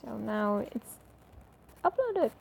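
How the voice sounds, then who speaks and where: Slow, mellow-voiced woman explaining an app. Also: on the high side, sing-song, vocal fry, a little hiss or hum, low-quality recording. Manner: chatty, filler-heavy, walks through steps. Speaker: tutorial presenter. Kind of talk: casual screen-recording tutorial voice-over.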